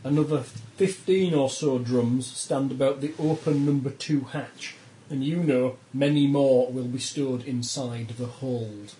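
A man narrating a tabletop game as game master, describing scenes in an unhurried way with fillers. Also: medium pitch, steady tone, warm tone, reverberant, slight background noise.

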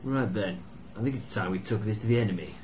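A man's voice: on the low side, fast talker, darkish tone. A man playing a tabletop role-playing game, bantering casually and describing his character's actions. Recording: noisy room recording.

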